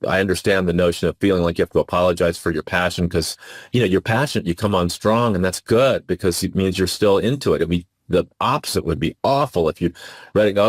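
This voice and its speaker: A man's voice: low voice, no room sound. A man co-hosting a podcast, chatting enthusiastically with many restarts. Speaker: podcast co-host. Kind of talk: casual interview chat.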